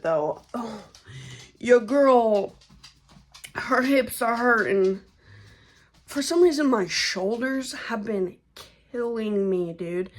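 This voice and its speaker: A young woman vlogging a casual update about her pregnancy, chatty and slangy, and out of breath from being heavily pregnant. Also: on the high side. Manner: chatty, slangy, laid-back.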